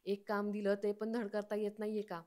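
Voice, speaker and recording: A woman's voice: medium pitch, monotone, moderate pace, darkish tone, lightly acted. A woman voicing a cheeky, work-shy young woman in a retold story.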